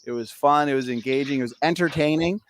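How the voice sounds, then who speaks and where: A man's voice: a little high, quick pace. A man hosting a live debate show, talking in a friendly, upbeat way. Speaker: host.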